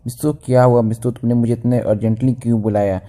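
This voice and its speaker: A man's voice: mid-range voice, little pitch movement, fast, warm tone, natural voice. A man voicing eager loyal young hero. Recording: dull lo-fi dry recording.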